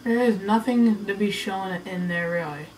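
A woman's voice: medium pitch, moderate pace, a little mellow, distant mic, a little hiss or hum, rough recording. A woman giving casual, teasing commentary while playing a video game. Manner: chatty, teasing, talking to viewers. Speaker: game player.

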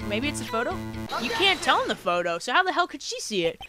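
Woman, hoarse, muttering gameplay commentary, swearing asides, high lively voice, game music. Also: fast talker. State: hoarse from yelling. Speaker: let's play host. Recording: game music playing behind.

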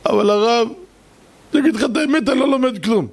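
A man's voice: very high voice, slightly rough, voice pushed up, full character voice. A humble taxi driver, nervous and sheepish, who pleads in a raised, anxious voice, as a preacher plays him. He sounds eager and a little ashamed. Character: humble, timid working taxi driver, man.

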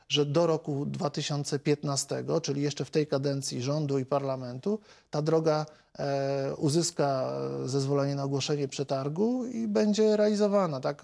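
Male MP, 40s, slightly high and flat delivery, lots of "er" fillers, studio lapel mic. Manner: measured, hesitant, many filler sounds. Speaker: member of parliament. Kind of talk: televised political interview.

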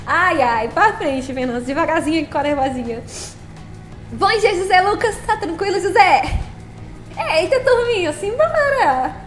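A woman chatting on a live stream, playful and laughing often as she greets her viewers by name. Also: extremely high pitch. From Brazil.

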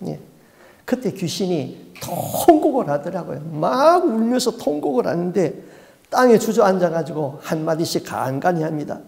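Gravelly male pastor in an echoey church. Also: high voice, sing-song, normal speed, darkish tone. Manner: vivid storytelling, acts out voices. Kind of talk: sermon with dramatic storytelling. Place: church sanctuary.

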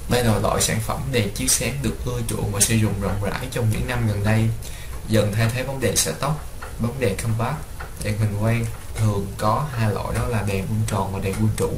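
A young man, a student, reading a class report aloud in a steady way. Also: on the low side, normal speed. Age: young adult. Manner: steady, read-aloud delivery. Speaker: student presenter. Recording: roomy with clear background noise.

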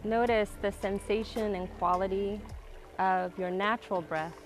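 A woman yoga instructor calmly leading a slow, grounding breath and body awareness exercise in a guided class. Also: mid-range voice, faint music behind. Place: outdoor waterside wooden deck.

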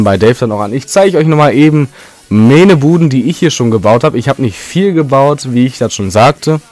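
A young man talks his way through a game in a chatty, rambling commentary at a middling pitch, now and then breaking into a startled yelp. Faint game music runs underneath his voice. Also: darkish tone. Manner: chatty, rambling, jumpy outbursts. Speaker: let's play commentator. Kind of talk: casual gameplay commentary.

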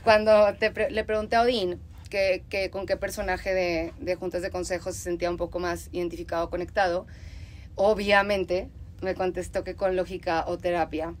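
A woman's voice: fairly low pitch, flat delivery, moderate pace. A young woman with a Mexican accent, hosting a casual interview, who agrees readily and laughs often. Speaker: host.

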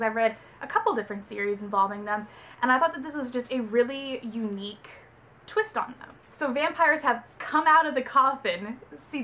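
Chatting casually about a book for her review vlog, this young woman from Texas rambles and fixes her own words along the way. Her voice is a little high, with a pushed, bright quality.

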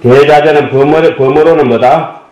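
A man's voice: fairly high pitch, fairly even intonation, normal speed, darkish tone. A man giving a Buddhist dharma lecture, explaining terms and asking his listeners questions with folksy humor. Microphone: table microphone. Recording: dull echoey hall audio.

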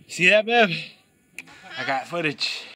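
A man's voice: a little high, expressive, slow, bright, forceful tone. A man bantering crudely and jokingly with friends outdoors. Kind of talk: casual banter among friends. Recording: clear outdoor noise.

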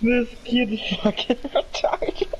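A man's voice: very high-pitched, fairly even intonation, slow pace, muffled recording. A man in casual gaming voice chat, exasperated and scolding his friends. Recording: noisy online voice chat.

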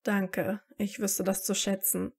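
A woman's voice: mid-range voice, flat delivery, takes it slowly, vocal fry, darkish tone, breathy edge, exaggerated voice. A woman reading aloud and voicing a tired teenage boy wizard who talks dryly and sarcastically. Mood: wry, tired. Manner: dry and sarcastic.

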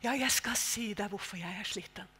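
A woman's voice: medium pitch, sharp tone, husky, long reverb tail, pitched below the performer's own voice. A woman preacher voicing a weary, resentful female flight attendant inside a sermon story. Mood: bitter. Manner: complaining, resentful.

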